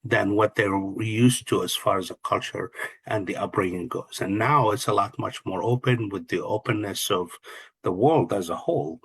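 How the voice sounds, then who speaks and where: Husky low-voiced man from Kuwait. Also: normal speed, fairly bright tone. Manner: earnest, reflective, lists ideas with repeated restarts. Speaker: guest, real estate investor and coach. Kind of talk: conversational interview answers.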